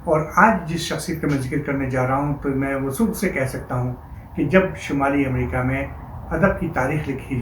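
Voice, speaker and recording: A male host speaks in a formal, measured, admiring way. His voice sits a little high. The recording has an echoey room and a faint hiss behind him. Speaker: show host. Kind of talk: scripted tribute segment.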